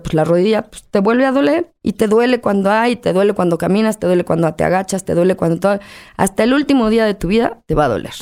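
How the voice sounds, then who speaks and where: A woman's voice: lowish voice, warm tone. Candid Mexican woman, middle-aged. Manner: emotional, tells her story by acting out dialogue. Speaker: interview guest. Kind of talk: candid personal interview.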